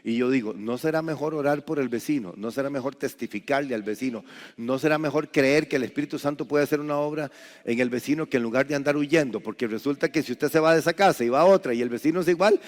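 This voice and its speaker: A male pastor from Costa Rica preaching a sermon, swinging from loud, high emphasis down to quiet, low asides. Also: fast, long reverb tail.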